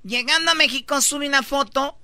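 Casting: female radio co-host, high bright voice, dry close sound, chatty gossip delivery. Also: brisk, no room sound. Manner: chatty, teasing. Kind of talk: gossip storytelling.

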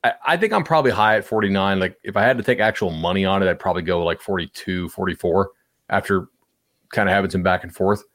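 A sports betting analyst chats casually on a podcast, animated and full of fillers. His voice sits low and he talks at a quick pace.

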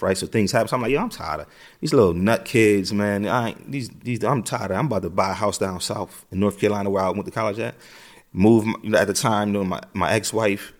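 Man, middle-aged, American, lowish voice, streetwise storytelling, repeats himself. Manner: streetwise, repeats phrases, frequent "you know what I'm saying". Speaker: interview guest. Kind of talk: casual storytelling.

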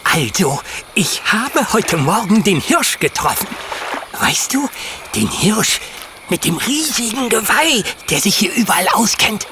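Gossipy beaver in a kids audio story, lively up-and-down voice, noisy background. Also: male voice, sits high. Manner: rambling, drawn-out storytelling. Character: chatty male beaver, friendly, long-winded. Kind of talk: children's audio drama. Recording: audible background noise.

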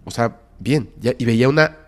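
A man with a Mexican accent tells a frightening personal story on a podcast. His voice sits at an ordinary middle pitch. He shifts between hushed whispers and sudden loud emphasis for drama. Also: moderate pace. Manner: dramatic, drops to whispers and bursts of loudness. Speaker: podcast guest.

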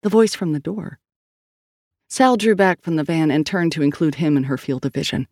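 A woman narrating a story in an even, steady storytelling manner. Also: sits low, normal speed, no echo, studio quality. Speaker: audiobook narrator. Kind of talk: scripted narration.

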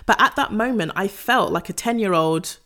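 A young woman, a podcast guest, telling a story in casual chat, laughing and acting out quotes in a high voice. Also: lively intonation, normal speed, fairly bright tone.

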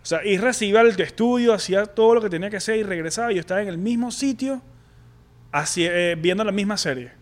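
High-voiced man telling a story. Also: fast talker. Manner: candid storytelling, many restarts and fillers. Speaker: podcast co-host. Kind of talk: casual chat.

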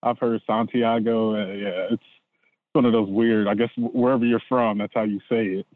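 A man's voice: lowish voice, steady tone, a little fast, dry recording. A middle-aged man from Indiana, a football coach, answering interview questions in an earnest, hesitant way with many fillers. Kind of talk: casual interview. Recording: dry, phone-like remote line.

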